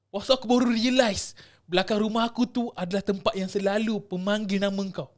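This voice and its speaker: A young man tells ghost stories on a casual podcast. His voice sits high and rushes along, and he acts out the voices in his tale. He slips English words into his speech. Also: steady tone. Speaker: podcast co-host. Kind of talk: casual chat, ghost storytelling.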